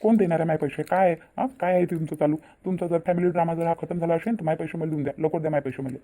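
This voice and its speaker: A man's voice: a little high, fairly even intonation, racing, dark tone, lightly acted. A man voicing a rude, bullying male moneylender. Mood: demanding. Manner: blunt, bullying.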